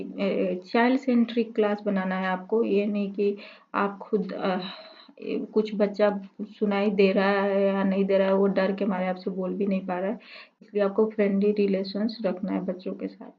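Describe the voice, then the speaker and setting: A woman tutor explaining lesson material for teachers, with halting delivery, many fillers and restarts. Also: mid-range voice. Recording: dull lo-fi recording.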